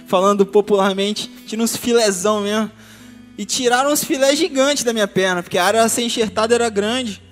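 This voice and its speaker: A young man from Brazil telling his testimony to a church, lively and humorous, turning often to address the congregation. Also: high-pitched, fairly quick. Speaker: testimony speaker. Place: church hall. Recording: long hall reverb, soft guitar music.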